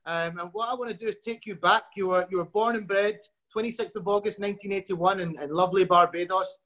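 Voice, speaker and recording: A man hosting a casual sports interview, friendly and halting with lots of fillers. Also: sits high, fairly even intonation, bright, forceful tone, highs cut off. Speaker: host.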